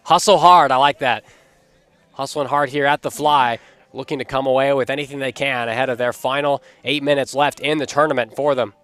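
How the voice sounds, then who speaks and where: Male play-by-play caller, mid-pitched, energetic live sports commentary. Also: brisk, clean tone, no room sound. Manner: energetic, rises on big plays. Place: commentary booth.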